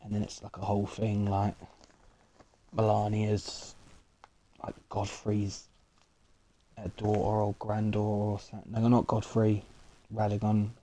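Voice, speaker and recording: A man streaming a game, rambling through relaxed commentary with many fillers. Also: lowish voice, measured pace, long pauses. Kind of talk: casual gameplay commentary.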